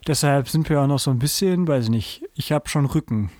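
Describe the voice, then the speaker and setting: A man's voice: medium pitch, a little fast, a little mellow, no echo. A man reading a children's Christmas story aloud as a podcast host, then chatting casually with his co-host.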